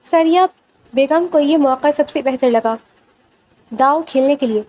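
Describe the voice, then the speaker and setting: A woman narrating a romance novel with dramatic, expressive storytelling. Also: sits high, low-quality recording.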